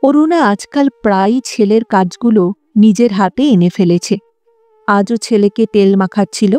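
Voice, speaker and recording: A woman narrating a literary story as an audiobook in a measured storytelling manner. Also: medium pitch, warm tone, dry recording.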